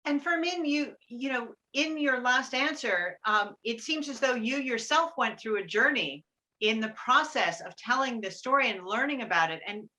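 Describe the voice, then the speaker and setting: A woman interviewing a filmmaker, asking a measured, thoughtful question. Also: fairly high pitch, sharp tone, poor audio.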